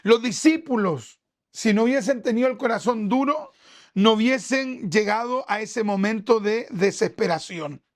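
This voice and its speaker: A man's voice: sits high, moderate pace. A man with a Chilean accent preaching a sermon at a church service, talking conversationally and asking the congregation one rhetorical question after another. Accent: Chilean Spanish. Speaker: pastor.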